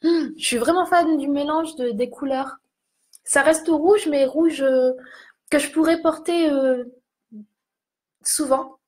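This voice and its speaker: A woman's voice: high voice, slow pace, long pauses, a little mellow. A young woman chatting casually while doing a makeup tutorial, self-mocking and talking to her viewers as she applies lipstick. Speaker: beauty vlogger.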